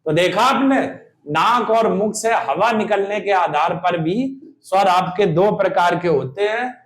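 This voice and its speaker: High-voiced man teaching slowly in an echoey room. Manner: asks questions and answers them himself, checking "clear?"; demonstrates vowel sounds slowly and repeats key terms. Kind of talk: exam-prep Hindi grammar lesson.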